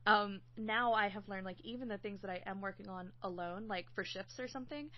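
A woman's voice: medium pitch, brisk, highs cut off. A woman who makes audio dramas, chatting casually about collaboration, laughing often and filling with "like". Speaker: audio drama sound designer and writer. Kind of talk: casual podcast chat.

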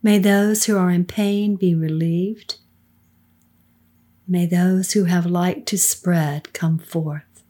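A middle-aged woman with a soft, soothing, breathy voice, leading a guided meditation in a calm, unhurried manner with hushed phrase endings. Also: lowish voice. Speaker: guided meditation leader, podcast co-host.

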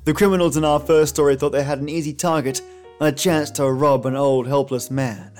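Over background guitar music, a male podcast host reads scripted narration and commentary in the style of a theatrical storyteller. His fairly high voice is brisk and darkish in tone, with fairly even intonation.

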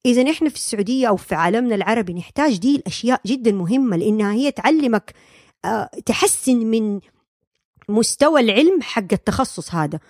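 A woman's voice: fairly high pitch, expressive, fast, a little mellow, no room sound, studio quality. A young woman, a speech-language pathologist explaining her field in a casual interview, with many fillers and English terms. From Saudi Arabia.

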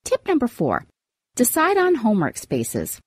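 A woman presents scripted advice like an upbeat, organized vlogger. Her intonation is very lively, stressing each item in turn, and the sound is dry, with hardly any room. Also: a little high, a little slow, breathy edge, dry recording. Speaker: podcast host giving parenting tips.

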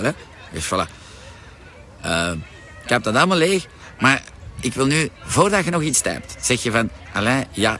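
Pushy Flemish man with a bright voice. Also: on the low side, slight background noise. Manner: insistent and pushy, repeats "voilà" and "hè". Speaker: coach and shop owner. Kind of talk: live-stream sales pitch answering a viewer.

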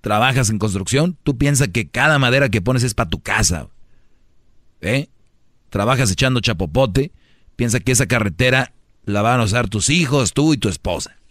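A man's voice: medium pitch, expressive, normal speed, a bit bright, no room sound, studio quality. A man hosting a radio advice show, preachy and joking in a boastful way. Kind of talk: comic advice talk with callers.

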